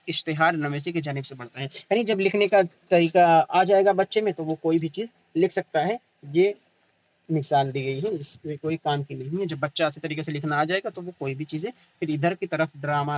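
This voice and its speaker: Male teacher with an Indian Urdu accent, high-pitched, recorded dry, lecturing for an exam and answering his own questions. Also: a little mellow, dry recording, low-quality recording. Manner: asks the class questions and answers them himself; repeats key terms, tag question "hai na".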